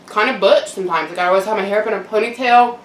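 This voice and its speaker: A young woman talks casually to camera as a vlogger, candid and reflective. Her delivery is halting, with frequent pauses. The sound is echoey and set back from the mic, with faint noise behind her. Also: mid-range voice. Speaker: mukbang vlogger. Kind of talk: casual personal monologue to camera. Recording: roomy echo, distant mic, background noise.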